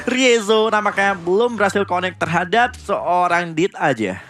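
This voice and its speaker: A man's voice: high-pitched, expressive, moderate pace, a bit bright. A man with an Indonesian accent giving esports play-by-play in the manner of a fighting game announcer. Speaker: esports shoutcaster. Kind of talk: live play-by-play game commentary. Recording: noisy live esports broadcast.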